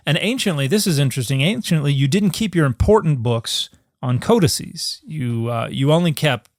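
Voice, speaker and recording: A man co-hosting a podcast who explains things casually, slowing down on key points and chuckling often. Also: a little high, lively intonation, dry recording, studio quality. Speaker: podcast co-host, biblical scholar. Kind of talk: casual conversational podcast chat.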